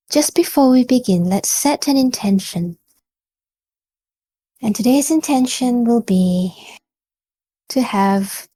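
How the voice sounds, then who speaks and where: Captured close and dry, a woman's medium-pitched, soft-edged and mellow voice guides a body scan meditation at a very unhurried pace. Gentle and calm, she encourages the listener, leaving pauses between short phrases.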